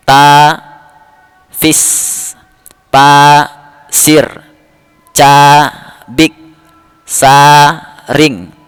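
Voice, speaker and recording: Patient male teacher in a reverberant room. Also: medium pitch. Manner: patient, repetitive, often calls the pupils "nak". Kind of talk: recorded lesson for children.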